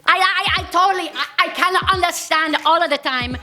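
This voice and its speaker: Woman putting on a bright, fiery Spanish woman. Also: fairly low pitch, soft background music, pitched below the performer's own voice. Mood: indignant. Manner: halting, repetitive.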